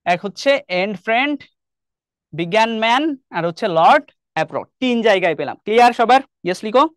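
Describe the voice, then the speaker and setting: A man's voice: high voice, lively intonation, fast talker, clean tone, no echo, clean studio sound. A young man with a Bangladeshi Bengali accent teaching an online English class, explaining step by step and quizzing his students often. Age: young adult.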